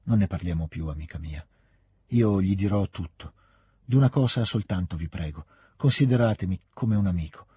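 A kind, shy nobleman from a classic novel speaks softly and tenderly, as a male reader voices him. His voice is low, very husky and dark. The sound is dry and close. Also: expressive, no echo. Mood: gentle, tender. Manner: gentle and tender, a little halting.

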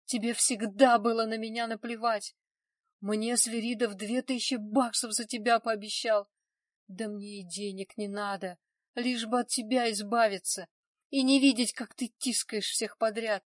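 Woman doing a wrecked young nurse, yelling and crying out accusations, dry close sound. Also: fairly high pitch, steady tone, normal speed, no room sound, distant mic, lightly acted. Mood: bitter. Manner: screaming and sobbing accusations. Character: distraught young female nurse, vengeful and heartbroken. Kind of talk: audiobook reading.

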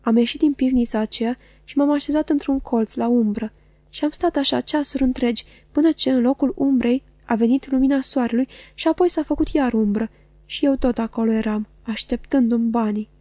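A woman reading a classic novel aloud in a measured, even narration. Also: fairly high pitch, dry recording. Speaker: audiobook reader. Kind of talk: scripted literary narration.

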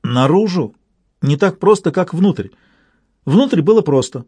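Fields: Figure: a man voicing an eerie squeaky talking bird. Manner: chirping repeated words. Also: animated, measured pace, a little mellow, breathy edge, dry recording, clean studio sound.

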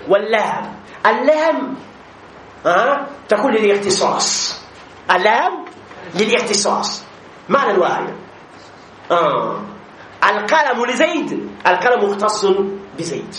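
High-voiced man teaching grammar in an echoey room. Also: fairly bright tone. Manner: repeats examples slowly, many drawn-out fillers, checks understanding. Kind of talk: classroom grammar lesson. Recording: echoey room with faint noise.

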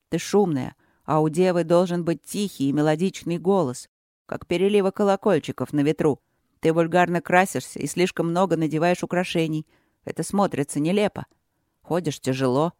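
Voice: mid-range voice, darkish tone, no echo, studio quality, natural voice. A reader voicing an arrogant, curt young novice in an audiobook, speaking with scorn. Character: haughty, curt young novice monk, man. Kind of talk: audiobook character voice.

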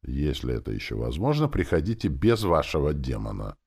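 A man's voice: rumbling low, big pitch swings, brisk, a little mellow, slightly rough, heavily acted. A man voicing a formal magical system message in an audiobook, read like an official notice. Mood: announcing.

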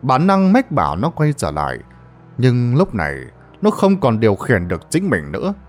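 A man narrating a ghost story in a dramatic, expressive storytelling manner. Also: medium pitch, normal speed, soft background music.

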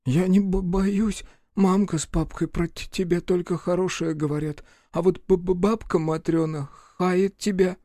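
Brief: man voicing a shivering little boy, stuttering, high voice. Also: fairly even intonation, unhurried, few pauses, warm tone, no room sound, clean studio sound. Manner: stammering through chattering teeth. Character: frozen little village boy, timid and shivering.

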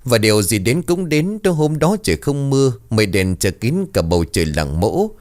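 A man narrating a scripted horror story in a dramatic, expressive way. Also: medium pitch, brisk.

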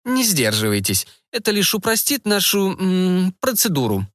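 A man's voice: high-pitched, wildly swooping pitch, a bit bright, no room sound, studio quality, voice pushed up, heavily acted. A man voicing a fussy, hesitant male scientist who keeps humming "m" mid-sentence in an audiobook. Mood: coaxing. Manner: halting, hums "m" mid-sentence. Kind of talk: audiobook character voice.

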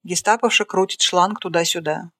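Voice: medium pitch, moderate pace, no echo. A dry, plain screenplay reader. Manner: plain, flat reading of stage directions. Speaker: narrator reading a screenplay. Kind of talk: reading a screenplay aloud.

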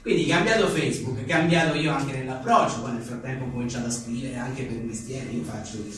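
Medium-pitched, fairly quick, and a bit bright, this man is a journalist and author taking questions at a live book talk. He rambles casually, jokes, and pokes fun at himself. Faint noise and heavy echo come through a distant mic in the indoor venue.

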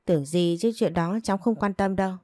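A woman's voice: mid-range voice, brisk, a little mellow, no room sound, studio quality, lightly acted. A woman reading a curious shy young woman. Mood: eager.

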